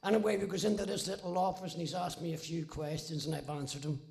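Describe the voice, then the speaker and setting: Gravelly high-voiced Northern Irish man. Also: fairly even intonation, fast, a little mellow. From Belfast, Northern Ireland. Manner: blunt, salty, swears freely, wry. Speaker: speaker telling his own story. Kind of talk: casual spoken storytelling.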